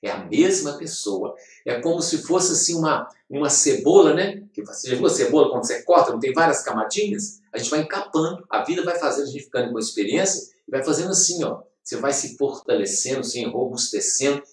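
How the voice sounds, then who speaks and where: A man's voice: mid-range voice, lively intonation, brisk. Earnest man in an echoey room. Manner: earnest, repeats points, addresses the listener directly. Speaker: host of an inspirational program. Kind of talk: motivational talk. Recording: echoey room, voice far from mic.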